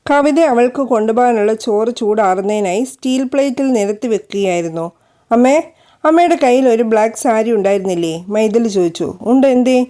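A woman's voice: on the high side, animated, a little fast, warm tone. A woman narrating a romance story as a storyteller and reading every character's lines in her own voice.

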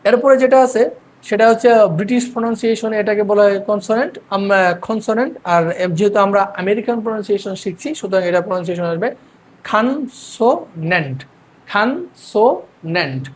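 A man's voice: high voice, steady tone, a little mellow, slight background noise. A man teaching English pronunciation, explaining step by step and drawing out each word syllable by syllable. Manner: repeats words slowly and drawn out, syllable by syllable. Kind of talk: explanatory lesson.

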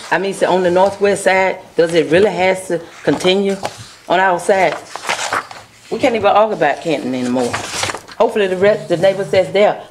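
A woman's voice: lowish voice, noisy background. A middle-aged woman council member, speaking earnestly at a council meeting into a desk microphone, with frequent restarts. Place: council chamber at a dais.

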